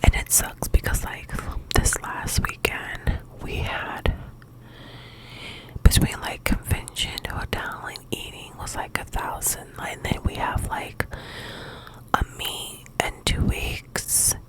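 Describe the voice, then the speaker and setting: A woman speaking in a hushed, breathy whisper, quiet as if late at night, rambling casually in halting phrases like a personal ASMR chat. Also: low-quality recording. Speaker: ASMR video host.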